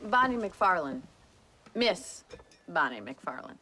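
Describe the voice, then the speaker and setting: An actress playing a spirited, sharp-tongued young rancher woman of the Old West, with a wry, teasing delivery for a video game. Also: on the low side, big pitch swings, a little hiss or hum, full character voice. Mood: stern, probing. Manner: wry, teasing, brisk, plain-spoken. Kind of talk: video game cutscene acting.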